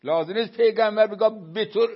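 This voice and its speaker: A man giving a religious lecture, telling narrations to his listeners and reciting Arabic quotations slowly. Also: high-pitched. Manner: storytelling, addresses listeners as dear friends. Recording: dull lo-fi recording.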